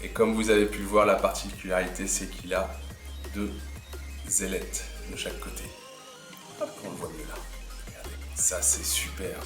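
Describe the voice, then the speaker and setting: A man hosting a casual unboxing vlog, chatting admiringly about what he shows and often dropping to a soft murmur. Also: deep voice, steady tone, moderate pace, long pauses. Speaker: fishing channel host. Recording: echoey room with faint music.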